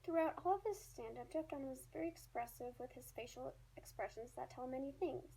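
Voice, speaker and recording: A woman's voice: sits high, brisk, creaky, warm tone, slightly rough, poor audio. A woman reading a scripted review aloud, as a presenter who now and then stumbles over the written words. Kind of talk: scripted narration read aloud.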